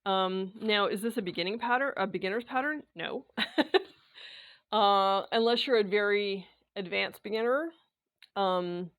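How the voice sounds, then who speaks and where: A woman chatting casually to her camera, rambling along with fillers and little laughs. Her voice sits at a middle pitch and sounds slightly hoarse from dry indoor air. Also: measured pace, fairly bright tone. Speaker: sewing and knitting vlogger.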